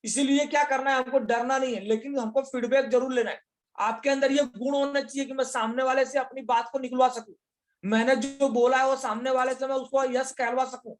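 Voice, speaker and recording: High-voiced man giving a training class. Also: fairly even intonation, brisk. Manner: explains step by step, repeats phrases, mixes Hindi with English words; asks questions and answers them himself. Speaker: leadership trainer. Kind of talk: motivational class lecture.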